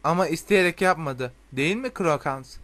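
A man reading a storybook voices an eager teenage schoolgirl, speaking in a bright, insistent way. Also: a little high, normal speed, no room sound, close to an everyday voice.

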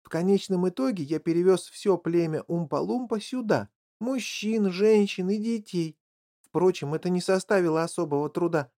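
A man reading an audiobook and voicing an eccentric, excitable chocolate maker who tells his tale with animated exclamations. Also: high-pitched, moderate pace.

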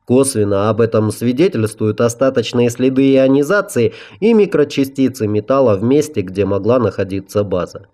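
A man's voice: mid-range voice, moderate pace, hardly any pauses, dark tone, lightly acted. Man voicing a nervous, excuse-making service chief. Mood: defensive. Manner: anxious, defensive explaining. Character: head of sanitary service, man, nervously justifying himself.

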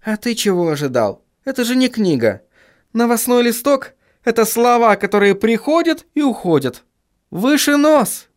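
A man voicing a lively, cheerful young woman with a light, coaxing manner. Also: very high voice, moderate pace, pitched above the performer's own voice. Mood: cheering.

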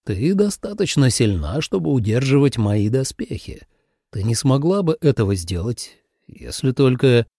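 A man voicing a calm, patient young male god who speaks in a subdued, measured way. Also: medium pitch, dry recording, clean studio sound.

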